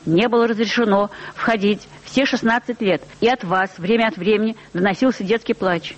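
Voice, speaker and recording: A woman's voice: medium pitch, normal speed, muffled recording, lightly acted. A woman reading a dialogue aloud, voicing a young woman official who questions sharply and accuses. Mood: accusing.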